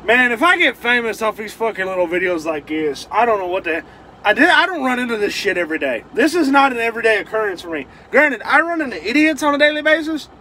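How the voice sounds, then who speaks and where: High, animated trucker swearing. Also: male voice, quick pace, slight background noise. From Kentucky. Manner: loud, swearing, joking, easily rattled. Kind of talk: profane running commentary.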